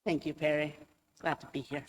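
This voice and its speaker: A woman giving a sermon as a guest speaker, in an unhurried, self-deprecating way, and reading a passage aloud to the congregation. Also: deep voice, little pitch movement, long reverb tail. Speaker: guest speaker and minister candidate.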